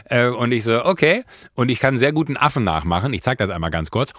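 A man hosting a podcast, telling a story in a casual, animated way with many fillers and restarts. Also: medium pitch, no room sound, studio quality. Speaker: podcast host.

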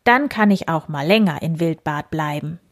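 A woman's voice: low-pitched, expressive, normal speed. A woman voicing a proud, hearty medieval count in a storybook reading.

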